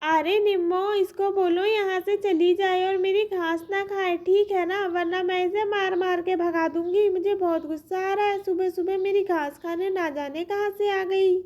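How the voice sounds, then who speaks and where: A woman's voice: extremely high pitch, steady tone, unhurried, hardly any pauses, a little mellow. A woman voicing a grumpy, possessive female village cow in a cartoon who refuses to share her grass. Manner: sulky, stubborn.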